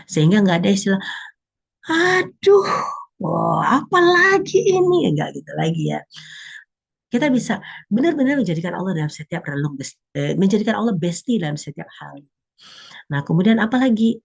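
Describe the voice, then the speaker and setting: Gravelly low-voiced woman giving a religious talk. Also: fast talker. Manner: animated, acts out little prayers and complaints. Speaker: religious speaker.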